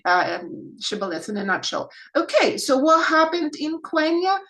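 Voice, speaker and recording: A woman's voice: high voice, sing-song, moderate pace, a bit bright, rough recording. Woman lecturing with rhetorical questions. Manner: poses rhetorical questions, frequent hesitations. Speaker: conference presenter. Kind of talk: academic lecture.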